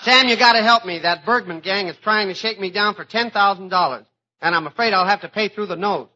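An actor playing a whining, silly small-time crook, a crooked bandleader, with goofy delivery in old-time radio comedy. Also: male voice, sits high, fairly quick, sharp tone. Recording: dull, faintly noisy old radio recording.

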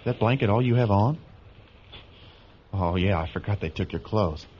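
A man acts out a gruff, reluctant rescuer with a field medic's practical manner. His voice sits low, in a dramatic audio play. The recording is dull, with clear noise behind him. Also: moderate pace, natural voice. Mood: curt, practical. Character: gruff, reluctant male truck-driving rescuer, kind underneath. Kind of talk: dramatic audio fiction acting.

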